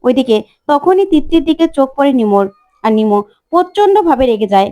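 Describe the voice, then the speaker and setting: Woman recap narrator, high and fast, dry booth sound. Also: big pitch swings, mellow, no room sound. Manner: brisk retelling. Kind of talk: soap-opera episode recap.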